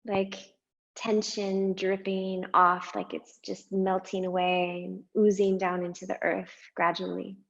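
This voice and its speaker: Soft-spoken woman guiding a meditation. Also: mid-range voice, flat delivery, gravelly, dull audio. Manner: slow, soft and unhurried with long pauses. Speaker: meditation guide. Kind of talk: guided meditation.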